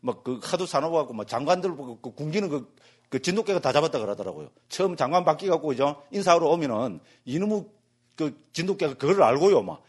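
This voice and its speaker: A man, a Buddhist monk, giving a jokey, animated lecture and keeps asking the class "right?". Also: a little high, fast talker, husky. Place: meditation center lecture hall.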